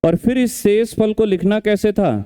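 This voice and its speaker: A man's voice: sits high, normal speed, mellow, smooth. A man teaching an exam revision class, who keeps quizzing and scolding his students and repeats each step. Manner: questioning, scolding, repeats steps.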